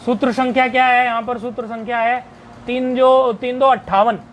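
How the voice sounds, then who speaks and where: A slight hiss or hum underlies this video lesson, where a man with a very high, steady voice teaches Sanskrit grammar. He proceeds step by step, asking and answering his own questions and slowly listing word forms.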